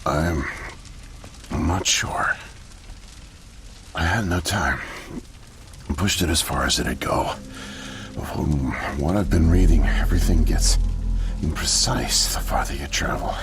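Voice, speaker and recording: An actor playing a weak, weary old janitor who is secretly a spy, speaking slowly and low in a video game. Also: male voice, fairly bright tone, exaggerated voice. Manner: slow, low confessional delivery. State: weak and thirsty. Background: game music.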